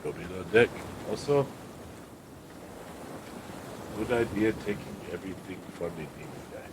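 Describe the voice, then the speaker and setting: Male tabletop player, deep voice, casual delivery, clear wave and wind noise behind. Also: animated, a little fast. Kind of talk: casual in-game chat.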